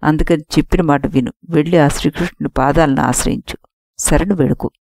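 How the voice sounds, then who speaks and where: A woman voicing an angry elder nobleman who scolds a tyrant king in a forceful manner, in an audiobook story. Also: sits low, steady tone, fairly quick, gravelly, a little hiss or hum. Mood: warning.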